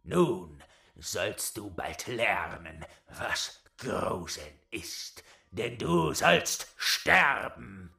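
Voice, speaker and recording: Man doing a huge old bearded brute for a storybook, deep, slow, gruff menace. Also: expressive, bright, forceful tone, full character voice. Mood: menacing.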